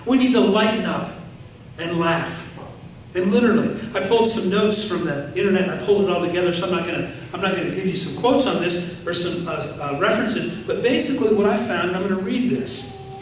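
A middle-aged man preaching a sermon as pastor, animated and questioning his congregation. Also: high-pitched, fairly quick, a little hiss or hum. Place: large church sanctuary. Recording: very echoey sanctuary, distant mic.

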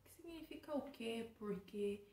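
A woman hosting a casual language vlog, repeating each foreign word slowly several times. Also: a little high, lively intonation, mellow, recorded from a distance. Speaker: language vlogger. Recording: roomy echo.

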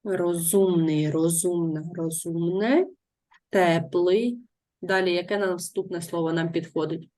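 A woman's voice: fairly low pitch, steady tone, measured pace, mellow. A woman teacher giving a classroom grammar lesson, patiently repeating her pupils' answers and asking guiding questions. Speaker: primary school teacher.

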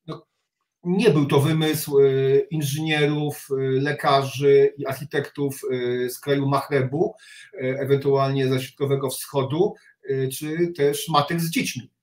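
A middle-aged reserve army officer, interviewed over a video call from his bookshelf-lined home study, sits back from the webcam in a roomy, echoing recording. His voice is medium-pitched, level and a little mellow, and his commentary is blunt and halting, full of repeated words and blunt criticism.

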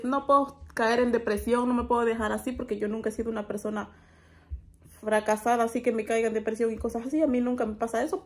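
Brief: woman, 30s, higher voice, animated vlog storytelling at home to a phone camera. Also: gravelly. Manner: animated, laughs often while telling a story. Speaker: family vlogger. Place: small room at home, indoors.

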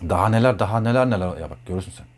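A man's voice: lowish voice, racing, slight background noise. A man talking as an astrologer in a blunt, heated monologue, repeating himself a lot. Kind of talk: casual monologue.

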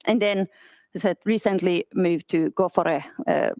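A woman in her thirties, originally from Iran, giving a conference talk as an accessibility specialist, speaking in a halting way with many fillers and restarts. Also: lowish voice, a little mellow, no room sound. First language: Persian. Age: 30s. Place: office event space.

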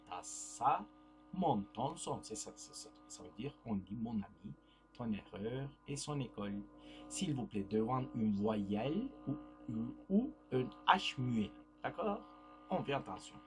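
Slow, repetitive male French teacher. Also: lowish voice, animated. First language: Turkish. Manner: slow, repeats words and phrases, checks with "d'accord?". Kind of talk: classroom grammar lesson. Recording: music and mains hum behind.

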